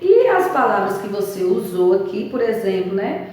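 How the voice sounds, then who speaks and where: A woman with a Brazilian Portuguese accent, teaching a primary school lesson, slow and emphatic, stretching key words. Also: mid-range voice, very animated, a little mellow, slight background noise. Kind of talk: remote lesson walkthrough. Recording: echoey room, voice far from mic.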